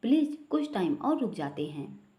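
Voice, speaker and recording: Sad soft-spoken young girlfriend, read by a woman, mellow tone, roomy storybook echo. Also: medium pitch, sing-song, normal speed, natural voice. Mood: sad, reassuring.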